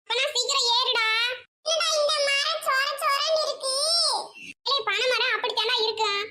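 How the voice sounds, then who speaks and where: A performer voicing bossy, teasing village boys with a Tirunelveli Tamil accent in a high cartoon voice. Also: normal speed, full character voice. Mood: bantering. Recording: loud background noise.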